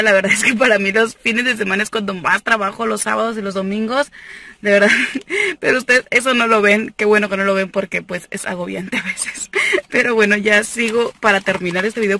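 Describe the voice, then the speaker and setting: A young woman from Mexico, who vlogs and sells cosmetics, chats enthusiastically and laughs a lot as she unboxes makeup in a parked car, holding her phone camera at arm's length. Her medium-pitched voice sounds pushed and bright, and there's slight background noise.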